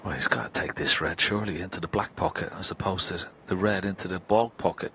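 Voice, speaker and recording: A man giving live snooker commentary in a hushed, understated way. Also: deep voice, quick pace. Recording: crowd ambience and background noise.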